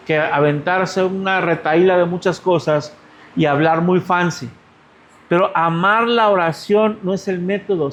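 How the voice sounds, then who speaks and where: A man's voice: high-pitched, slight background noise. A Mexican male pastor giving a conversational sermon, asking the congregation rhetorical questions. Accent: Mexican Spanish.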